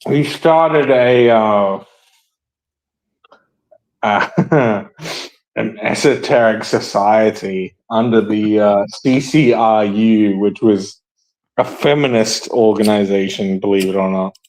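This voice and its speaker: A man's voice: lowish voice, slow, a little mellow, rough recording. A man hosting a casual podcast chat, rambling and hesitant with many fillers and frequent laughs. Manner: laughs often. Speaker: podcast host.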